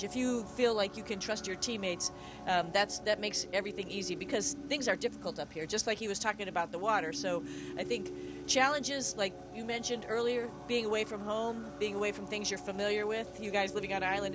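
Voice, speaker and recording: A woman astronaut with a mid-pitched voice answers a question informally. She is reflective and conversational. Music is clearly audible behind her. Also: a little fast.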